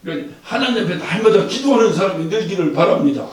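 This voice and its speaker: A male pastor preaches with a high, lively voice that climbs and drops freely. He chuckles as he speaks and throws questions to the congregation. He sounds distant from the mic, inside a heavily echoing church hall. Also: fast talker. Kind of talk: sermon. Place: church sanctuary. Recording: echoey church hall from far off.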